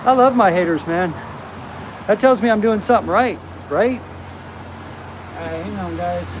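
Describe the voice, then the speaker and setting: A man hosts a casual live stream, chatting upbeat and straight to his viewers while he carries his gear outdoors. His voice sits high for a man. Loud vehicle and street noise from the open lot runs under his phone audio. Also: moderate pace. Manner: upbeat, talks straight to chat. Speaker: livestream host. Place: outdoors at a truck stop parking lot. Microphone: handheld phone.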